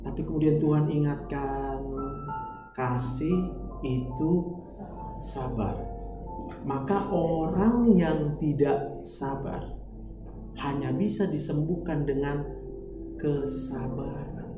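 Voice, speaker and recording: A woman's voice: low voice, takes it slowly. A woman preaching, acting out conversations and quizzing her congregation. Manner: lively, acts out dialogues, asks the congregation questions. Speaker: preacher and doctor. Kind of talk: sermon. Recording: echoey hall with music behind.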